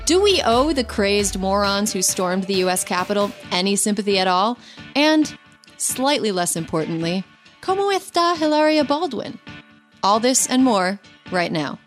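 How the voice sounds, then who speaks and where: Podcast host, woman, mid-pitched, dry and sarcastic, faint music underneath. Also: expressive, normal speed. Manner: wry, sarcastic, profane. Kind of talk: casual podcast chat.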